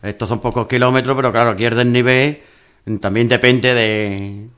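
A man's voice: mid-range voice, steady tone, normal speed, a bit bright, clear, resonant tone. A man who organizes a mountain race, talking it through in a rambling radio interview with many restarts.

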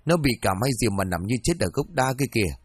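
A man's voice: medium pitch, big pitch swings, fast, slightly rough. A man voicing a flustered old village neighbor woman who calls out with urgent news.

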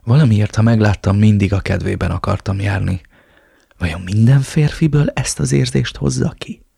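A man's voice: lowish voice, creaky, mellow, breathy edge, no echo, studio quality. A man narrating a novel in the first person in a brooding, inward way. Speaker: audiobook narrator.

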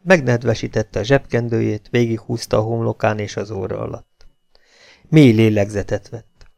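A man narrating an audiobook in a steady, measured way. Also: on the low side, vocal fry.

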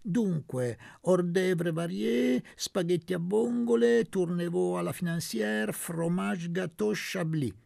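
A man's voice: high voice, slow, gravelly, few pauses, darkish tone, no echo, studio quality, voice pushed up, full character voice. A man voicing a toothless older waiter in a tavern who teases a newcomer in a mock-formal, showy way. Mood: showy mock menu.

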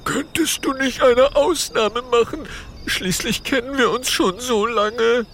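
A man's voice: slow, a bit bright, a little hiss or hum, heavily acted. A man voicing a small captured dinosaur, a terrified hostage pleading in a trembling voice. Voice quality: high trembling voice.

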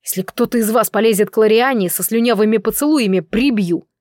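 A woman's voice: on the high side, normal speed, breathy edge, dry recording, clean studio sound. A woman voicing an enraged, protective young man in an audiobook, speaking through gritted teeth. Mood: furious.

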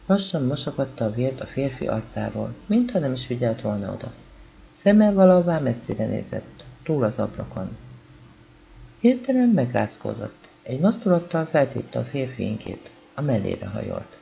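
A man with a gravelly voice reading a novel aloud as an audiobook narrator, calm and even, voicing the dialogue quietly. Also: mid-range voice, lo-fi sound, slight background noise. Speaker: audiobook reader.

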